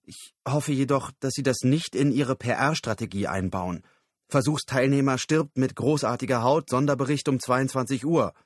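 An earnest, awkward researcher speaks in terse, factual sentences, as a male reader voices him. His voice sits at an average male pitch and sounds dry and close to the mic. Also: normal speed, no echo, close to an everyday voice.

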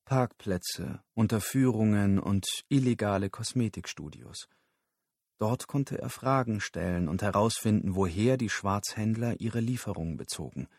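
A man narrating an audiobook in a steady, measured storytelling voice. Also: fairly low pitch, slightly rough, dry recording, clean studio sound.

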